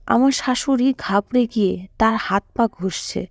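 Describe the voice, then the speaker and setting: A woman's voice: fairly high pitch, unhurried, gravelly, dry recording, studio quality. A woman narrating a sorrowful first-person story.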